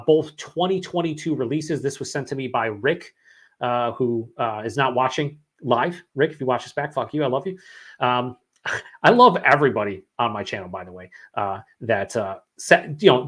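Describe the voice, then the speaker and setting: A man's voice: mid-range voice, a bit bright. A man with a sore throat after hours of talking, hosting a live beer-review stream, rambling and swearing as he reads chat comments aloud.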